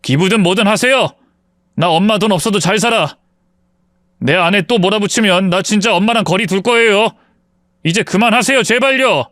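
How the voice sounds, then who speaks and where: A man's voice: high voice, normal speed, fairly bright tone, dry recording, clean studio sound, voice pushed up. A man voicing a protective young husband who speaks bluntly and firmly. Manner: firm, exasperated pleading. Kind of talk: storybook voice acting.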